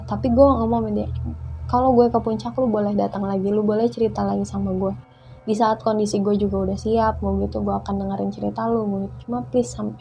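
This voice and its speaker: A young woman, a guest in casual conversation who tells her story lively and acts out the dialogue. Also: on the high side, gravelly, highs cut off.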